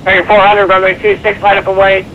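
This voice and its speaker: A man working as an air traffic controller, giving clearances over radio in air traffic control phrasing. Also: sits high, monotone, very fast. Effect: radio transmission. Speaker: air traffic controller in an online flight simulation. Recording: dull lo-fi radio, light noise.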